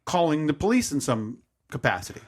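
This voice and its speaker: A man's voice: a little high, sing-song, a little fast. A man in his thirties, co-hosting a podcast, telling a story in a rambling, hesitant way with lots of self-corrections. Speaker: podcast co-host. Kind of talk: casual storytelling chat.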